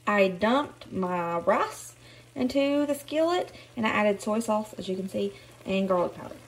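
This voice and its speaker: A Southern US woman in her thirties chats casually through a home cooking vlog in her kitchen, upbeat and narrating as she cooks. Her mid-range voice is husky and unhurried, with lively intonation.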